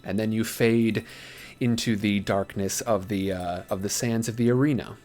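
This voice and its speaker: A man's voice: on the low side, steady tone, normal speed, darkish tone, soft background music. A man running a tabletop game as game master, improvising narration and thinking aloud hesitantly for his chat.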